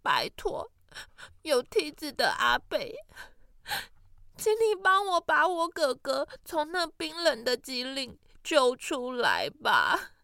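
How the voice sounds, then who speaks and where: A woman voicing a breathless little boy who keeps shouting a very long name in a storybook reading. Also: high voice, very animated, takes it slowly, gravelly, dry recording, clean studio sound, voice pushed up, heavily acted. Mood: tearful pleading. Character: breathless little boy, frantic younger brother.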